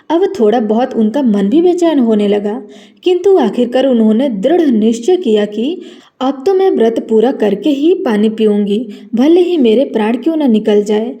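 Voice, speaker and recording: A woman narrating a devotional story in a steady, earnest way. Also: a little high.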